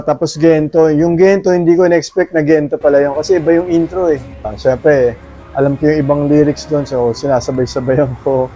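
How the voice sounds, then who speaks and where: A man's voice: medium pitch, mellow, no echo. A middle-aged man from the Philippines, recapping a concert in a chatty casual vlog, often tagging his sentences with questions. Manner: chatty, frequent tag questions. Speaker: vlogger.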